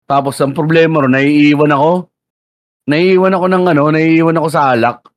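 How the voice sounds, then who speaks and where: A man's voice: on the high side, normal speed, dry recording. A man co-hosting a podcast in casual chat, loose and laughing, swearing freely. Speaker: podcast co-host.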